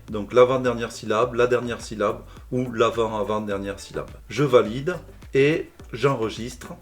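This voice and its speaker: Calm man narrating a software tutorial. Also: mid-range voice. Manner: calm step-by-step explaining. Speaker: language teacher.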